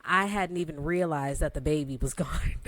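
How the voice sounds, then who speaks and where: Animated woman telling a story, dry sound. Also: low voice, normal speed, dry recording. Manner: animated, laughs often, relaxed colloquial phrasing. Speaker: podcast co-host. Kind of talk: casual storytelling chat.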